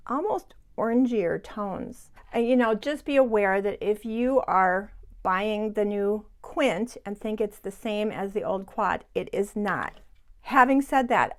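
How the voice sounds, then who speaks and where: A woman in her sixties, chatting casually and enthusiastically to viewers as she reviews beauty products at home. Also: medium pitch. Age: 60s. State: sweating in the heat. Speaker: beauty vlogger. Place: home, hot room without air conditioning.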